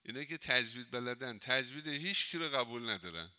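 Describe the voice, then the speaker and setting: A man's voice: mid-range voice, expressive, bright, forceful tone. A man, a cleric, giving an informal religious lesson in a mosque, talking conversationally and telling humorous anecdotes.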